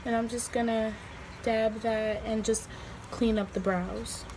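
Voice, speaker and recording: A woman giving a casual, chatty makeup tutorial, her voice slightly hoarse as it recovers from being lost. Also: a little high, level tone, takes it slowly, noisy background. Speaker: beauty vlogger.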